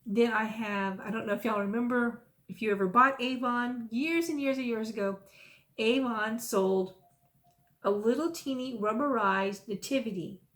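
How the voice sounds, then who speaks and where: In her stitching vlog, a South Texas woman in her 50s chats casually, drifting into folksy asides that amuse her. Her voice is a little high and a bit bright, at a normal speed.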